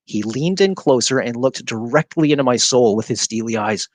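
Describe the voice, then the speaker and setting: A man reading a children's story aloud, expressive and animated. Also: medium pitch, normal speed, no room sound. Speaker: reader.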